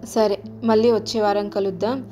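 The Sun, a stern male ruler of the planets, voiced by a woman storyteller, commanding and reproachful. The tone stays mellow, with faint music underneath. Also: medium pitch, level tone, moderate pace, natural voice.

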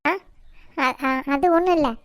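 A woman's voice: high-pitched, slow. A woman voicing a meek young wife in a cartoon, hesitant and pleading. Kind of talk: cartoon voice acting.

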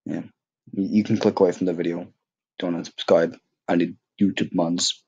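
A man's voice: sits low, flat delivery, moderate pace, mellow, husky, muffled recording. A young man giving casual, joking gameplay commentary, rambling with many fillers and mocking himself. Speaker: gaming YouTuber.

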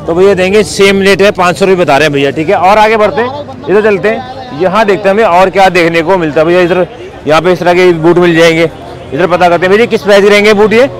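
A man's voice: high voice, fast, low-quality recording. A man vlogging on foot through an outdoor street market, upbeat and chatty, asking sellers about prices. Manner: upbeat, repeats "bhai" and "theek hai". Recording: outdoor crowd noise behind. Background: crowd chatter and traffic.

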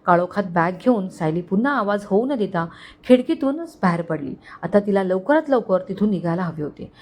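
A woman storyteller giving scripted narration of a romantic family story in a steady, expressive way. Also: mid-range voice, a little fast.

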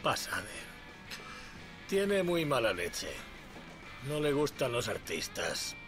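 A pushy bar drinking buddy. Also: male voice, medium pitch, big pitch swings, slow, over music. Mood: coaxing. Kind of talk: dubbed video game dialogue.

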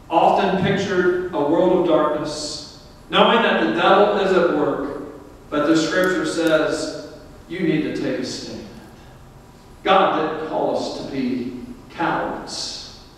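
A man's voice: on the high side, slow. A male pastor delivering an emphatic sermon in a church, his voice climbing on the key points. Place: church sanctuary. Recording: echoey church hall, mic far off.

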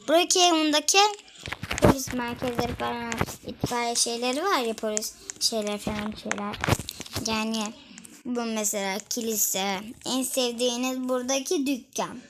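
A woman's voice: high voice, fairly bright tone, a little hiss or hum, rough recording. A young girl chatting casually to her viewers while she plays a game, giggly and talkative. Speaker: gaming vlogger.

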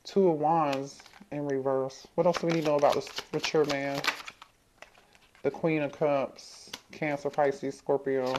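A woman's voice: low-pitched, noisy background. A woman doing a casual tarot reading for viewers, thinking aloud, asking the cards questions and repeating herself as she goes. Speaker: tarot reader.

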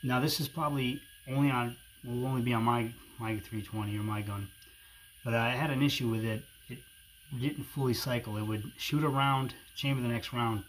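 A man's voice: medium pitch, rough recording. A man with a New England accent giving a casual, informal, conversational product review to viewers as a video host. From New England, USA. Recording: steady background noise.

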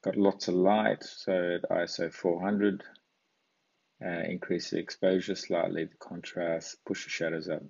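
Low gravelly guy going through his photo edits, kinda husky, dull lo-fi sound. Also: measured pace. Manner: relaxed, thinking aloud with fillers. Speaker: photography channel host. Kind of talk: casual screen-share walkthrough. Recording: dull lo-fi recording.

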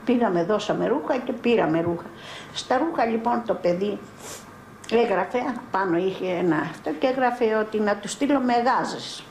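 An older woman from Greece giving spoken testimony as a mother in a documentary, telling her story in halting, broken-off phrases. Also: medium pitch, lively intonation, a little mellow, slight background noise. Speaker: mother recounting her son's arrest. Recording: roomy archival 1982 film sound.

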